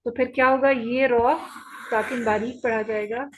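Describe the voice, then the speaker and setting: In an online class, a woman teaches Quran recitation, patiently repeating each rule slowly and checking that her students follow. Her voice is a little high with fairly even intonation, and the recording is rough.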